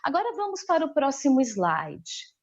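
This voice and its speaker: A woman's voice: high voice, huge pitch swings, moderate pace, dull audio. A woman with a Brazilian Portuguese accent teaching an English class remotely, explaining patiently and checking in with her students.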